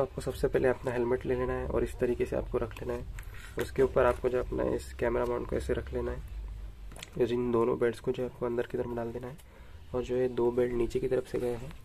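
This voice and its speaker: Flat, gravelly man explaining an unboxing. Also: mid-range voice, a little hiss or hum. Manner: steady explanatory, frequent address to viewers. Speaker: unboxing vlogger. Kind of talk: casual unboxing tutorial. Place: indoors at home, camera over tabletop.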